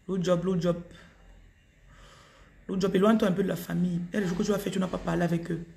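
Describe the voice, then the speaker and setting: A woman's voice: on the low side, little pitch movement, fast, creaky, warm tone. A woman with a Cameroonian French accent doing a live-stream energy reading, calling viewers by name and telling them what to do. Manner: calls out viewers' names repeatedly, gives direct advice. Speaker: spiritual reader on a live stream. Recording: roomy echo.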